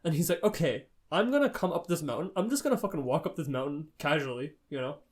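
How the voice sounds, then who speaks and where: A man's voice: on the high side, fast. A man co-hosting a podcast, retelling a story in casual chat with lots of swearing. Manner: heavy swearing, animated retelling. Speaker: podcast co-host.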